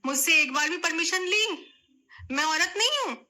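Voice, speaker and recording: A woman's voice: very high voice, lively intonation, normal speed, pushed and bright. A young woman vlogger speaking straight to her viewers, tearful and pleading, repeating her phrases as her voice breaks. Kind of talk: emotional vlog statement to camera.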